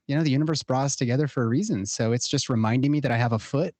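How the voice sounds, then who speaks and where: A man's voice: medium pitch, rapid-fire, darkish tone, no echo. Male podcast guest, 30s, earnest and playful, dry close sound. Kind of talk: casual chat.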